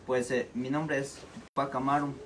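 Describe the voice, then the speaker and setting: A man's voice: mid-range voice, little pitch movement, moderate pace, noisy background. A man from Ecuador politely introducing himself at a community meeting, grateful and a little hesitant. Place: small meeting room indoors. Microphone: far camera. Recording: camera mic with murmuring crowd.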